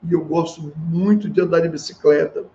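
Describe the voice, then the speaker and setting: A man's voice: a little high, steady tone, normal speed, warm tone. A middle-aged man, a family therapist telling stories in an earnest seminar talk and acting out the dialogue. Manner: earnest, acts out quoted dialogue. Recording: slightly dull with faint hiss.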